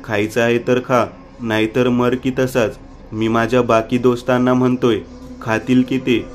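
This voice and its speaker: A man's voice: medium pitch, level tone, measured pace, lightly acted. A man voicing a rustic, teasing village man who is a caring old friend, in a storybook reading.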